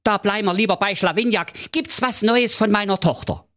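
A man's voice: moderate pace, fairly bright tone. A man voicing a pompous, impatient fairy-tale king who blusters and rants in a storybook. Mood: fussy. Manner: shrill, blustering, ranting. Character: excitable fussy old king, pompous and impatient.

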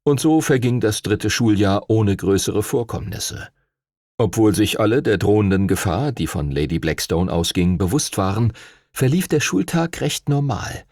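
A man narrating an audiobook in a calm, measured storytelling manner. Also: lowish voice, no room sound, studio quality. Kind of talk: scripted narration.

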